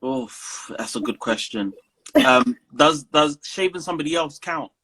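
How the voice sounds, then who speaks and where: A man being interviewed as a guest preacher, talking in a playful, animated way and laughing easily. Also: a little high, measured pace, creaky, breathy edge. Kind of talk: casual interview.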